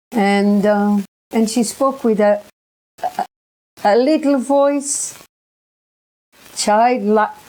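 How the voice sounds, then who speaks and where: A woman, telling her own experiences in a halting way, often repeating and restarting words. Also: mid-range voice, warm tone. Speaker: researcher sharing experiences. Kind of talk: personal recollection monologue.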